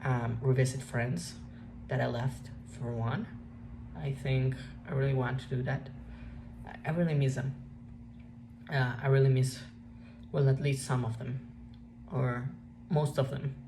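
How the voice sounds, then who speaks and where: A young woman with a Mexican accent, native Spanish speaker, talking through a reflective personal vlog in a halting way with many restarts. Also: very deep voice. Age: young adult. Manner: hesitant, halting, frequent restarts and fillers. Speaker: vlogger. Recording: steady background noise.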